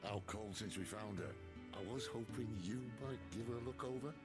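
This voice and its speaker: An actor playing a gruff, wry middle-aged rebel leader in a video game, with a raspy voice and a dry, measured, knowing delivery. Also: male voice, fairly low pitch, loud music behind the voice, lightly acted.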